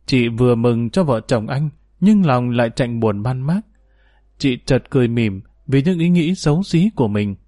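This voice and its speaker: A man narrating a story in a calm, measured and sorrowful way. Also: mid-range voice, no echo, clean studio sound. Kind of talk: scripted narration.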